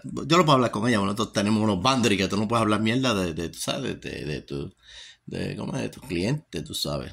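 A man's voice: lowish voice, vocal fry, fairly bright tone. A Puerto Rican man giving a rambling, profane personal testimony, cursing freely and trailing off into mutters. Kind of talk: casual spoken testimony.

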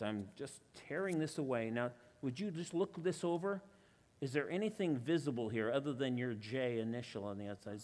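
A man's voice: medium pitch, long reverb tail. A man performing stage illusions with a volunteer before a live church audience, chatty and self-deprecating with playful asides. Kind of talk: live magic show patter with audience volunteer.

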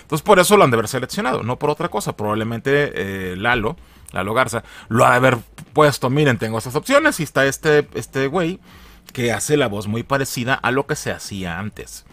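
Mexican male host, lively up-and-down delivery, slangy, laughs easily, dry close sound. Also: mid-range voice, brisk, no echo. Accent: Mexican Spanish. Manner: animated, slangy, laughs often. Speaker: channel host. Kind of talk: casual commentary on film news.

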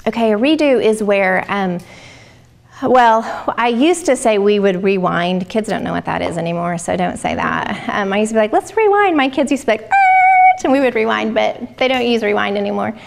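A woman's voice: mid-range voice, moderate pace, vocal fry. A middle-aged woman, a child development specialist giving a chatty parenting workshop to a live group. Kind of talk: informal workshop talk. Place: room with a live audience.

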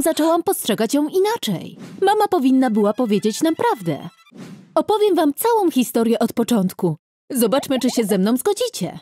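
Young female narrator, expressive, warm low timbre, dry studio read. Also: no room sound. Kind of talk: scripted first-person story narration.

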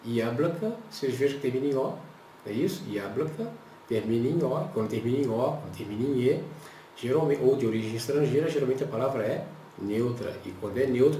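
Teacher in an echoey room. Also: male voice, mid-range voice, warm tone, distant mic, a little hiss or hum. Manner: patient, repeats words slowly and checks in with "ok?". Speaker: language teacher. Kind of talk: classroom-style lesson with a board.

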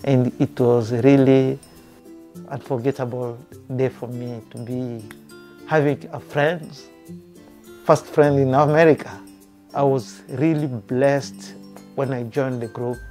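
A man, speaking a careful, halting personal testimony indoors. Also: mid-range voice, steady tone, darkish tone, soft background music. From Democratic Republic of the Congo. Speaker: church member. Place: indoor room by a window.

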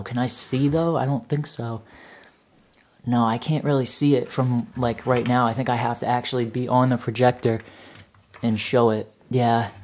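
With a medium-pitched, slightly mellow voice, a man in his 20s narrates an urban exploration vlog inside an abandoned house. He muses casually as he moves from room to room, and music plays behind him.

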